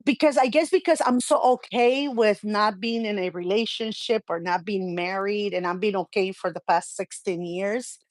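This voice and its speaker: A middle-aged woman co-hosting a chat show, talking casually in an animated storytelling manner. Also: medium pitch, normal speed, few pauses, no room sound.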